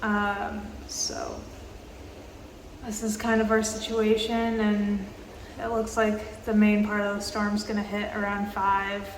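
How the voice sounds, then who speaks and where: Twenties woman vlogging from a bathroom, slow flat voice, lots of echo, slight hiss. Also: mid-range voice. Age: 20s. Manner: halting, filler-heavy, slow and even. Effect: roomy bathroom echo. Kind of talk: casual travel vlog chat. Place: small tiled public bathroom, indoors. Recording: echoey bathroom with faint background noise.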